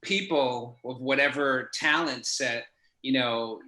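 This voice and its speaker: A thoughtful man talks as an interview guest in a bright, forceful voice. His words come over a video call from a room with a noticeable echo. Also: medium pitch, takes it slowly. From New York. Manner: thoughtful, many fillers and restarts. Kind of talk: casual interview talk. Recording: echoey room.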